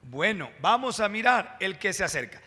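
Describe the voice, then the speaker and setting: A male pastor preaching a Sunday sermon in a church, with dramatic pauses, rising emphasis and direct asides to the congregation. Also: high voice, big pitch swings, pushed and bright, slightly rough. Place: church sanctuary. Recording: long hall reverb from a church.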